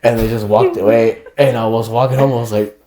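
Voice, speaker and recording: A man's voice: medium pitch, steady tone, a little fast, dark tone, slight background noise. A man guest on a podcast, telling a story in casual slangy chat and laughing along. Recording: echoey room.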